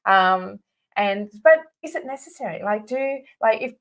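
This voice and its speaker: A woman's voice: mid-range voice, animated, a little slow, a bit bright. A woman co-hosting a podcast in loose, chatty conversation full of fillers. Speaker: podcast co-host. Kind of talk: casual chat.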